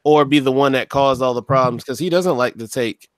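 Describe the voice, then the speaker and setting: A man's voice: mid-range voice, a little fast, clean tone, no room sound. Blunt, profane man in casual talk. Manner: blunt, profane, talks over others. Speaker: podcast co-host. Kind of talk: casual chat.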